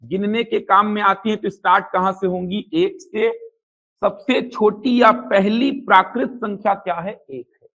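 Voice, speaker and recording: High-voiced man teaching a math class. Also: fairly bright tone. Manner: drills students with rapid question-and-answer, repeating key points. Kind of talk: live coaching class lecture. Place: classroom with students and online viewers. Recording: slightly dull lo-fi classroom audio.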